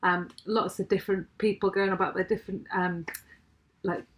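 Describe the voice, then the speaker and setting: A woman's voice: medium pitch, level tone, moderate pace, fairly bright tone, slight background noise. A woman co-hosting a podcast, talking in a thoughtful, chatty way with plenty of small fillers. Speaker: podcast co-host. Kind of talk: casual podcast chat.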